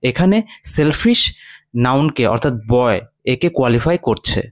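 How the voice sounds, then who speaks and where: A man teaching English line by line in Bengali, reading English slowly and often checking "ঠিক আছে?". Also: medium pitch, animated, dry recording. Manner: reads English phrases slowly, then explains in Bengali.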